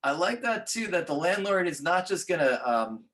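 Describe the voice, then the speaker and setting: A man's voice: sits high, sing-song, moderate pace, a bit bright. A man in casual podcast chat, amused and wry.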